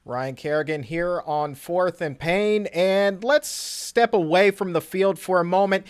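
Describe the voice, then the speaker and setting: Higher-voiced American man hosting sports radio. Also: a little slow, clear, resonant tone. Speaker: sports show host, interviewer.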